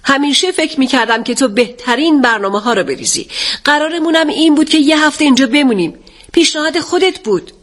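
A woman's voice: fairly high pitch, animated, lightly acted. A woman reading an audiobook, voicing a proud, stubborn elderly English father who talks in a self-assured, haughty way.

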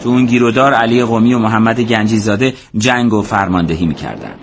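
A man narrating a war story as scripted audiobook narration, in a steady, measured way. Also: lowish voice, a little hiss or hum.

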